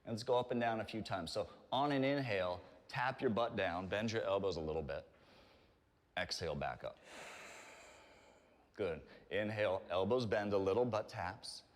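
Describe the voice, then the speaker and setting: Male fitness instructor, lower register, calm and encouraging cueing, recorded in a very reverberant room. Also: moderate pace. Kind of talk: guided workout instruction. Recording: reverberant room with long echo.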